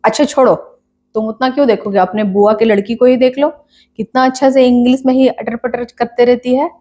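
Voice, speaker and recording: A woman's voice: a little high, fairly even intonation, warm tone, natural voice. Woman playing a nagging scolding mother. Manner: scolding, nagging, quick complaints. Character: scolding, complaining middle-aged mother. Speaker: nagging mother in a comedy skit. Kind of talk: comedy sketch acting.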